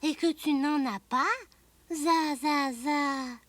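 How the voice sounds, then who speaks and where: A performer voicing a small winged, hooved creature searching for its parents, speaking in slow rhyming sing-song echoes with a Québécois accent. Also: high voice, a bit bright. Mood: wistful. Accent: Québécois French.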